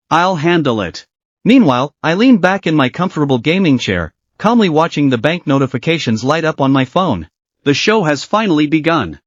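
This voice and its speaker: A man narrates a manhwa recap with dramatic storytelling. His pitch sits fairly high and moves a lot. The recording is dry and a little dull and lo-fi. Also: no room sound.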